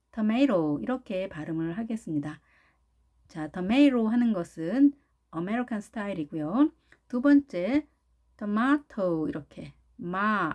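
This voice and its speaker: A woman's voice: mid-range voice, darkish tone. A woman with a Korean accent teaching pronunciation, sounding out words syllable by syllable in a careful lesson style. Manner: drawn-out syllables sounded out one by one.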